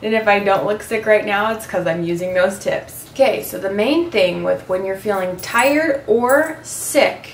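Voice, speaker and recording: A young woman with a cold-roughened, raspy voice, chatting playfully as she gives a makeup tutorial. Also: mid-range voice, recorded from a distance, slight background noise. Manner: chatty and playful, self-mocking asides. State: hoarse from a cold. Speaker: beauty vlogger. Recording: echoey room, voice a bit off-mic.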